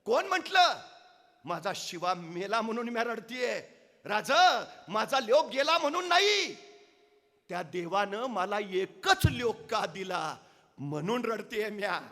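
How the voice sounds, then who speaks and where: A man's voice: high voice, big pitch swings, slow, pushed and bright, in a large hall, pitched above the performer's own voice, full character voice. A man voicing a proud, grieving old village mother who speaks in rustic, insistent tones during a dramatic public speech. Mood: impassioned.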